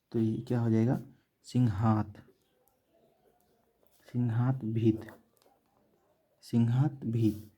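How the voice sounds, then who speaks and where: Slow husky male Sanskrit teacher. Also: lowish voice, warm tone. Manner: slow, repeats each word, asks and answers own questions; says "theek hai" after nearly every point. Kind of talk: classroom grammar lesson.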